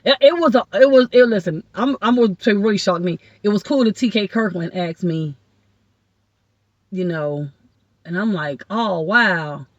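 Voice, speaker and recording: A woman from Ohio, a guest comedian, telling rambling, excited stories in casual podcast chat. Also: medium pitch, normal speed, dry recording. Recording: dull lo-fi dry sound.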